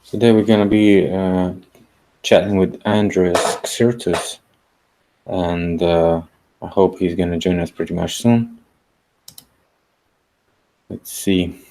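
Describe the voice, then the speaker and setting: Deep-voiced man hosting a stream. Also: fairly even intonation, warm tone, slight background noise. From Russia. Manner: halting, with slightly broken English. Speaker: host. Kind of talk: live stream chat.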